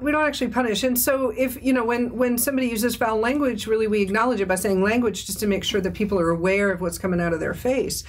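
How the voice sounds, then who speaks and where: A woman co-hosts a webinar Q&A as a parent sharing advice. Her pitch sits right in the middle for a woman, and she explains things in a measured, thoughtful way, building each point carefully. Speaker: co-host and parent. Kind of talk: live webinar Q&A chat.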